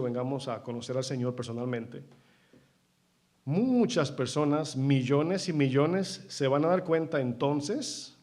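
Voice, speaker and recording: A man's voice: mid-range voice, a little mellow. A man preaching a sermon as pastor. He asks the congregation questions, calls them brothers, and acts out short dialogues in changed voices. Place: church.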